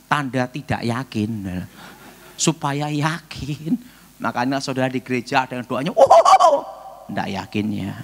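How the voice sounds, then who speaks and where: A middle-aged man, preaching a sermon as a pastor and telling stories with joking asides and sudden loud bursts. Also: mid-range voice, measured pace, creaky.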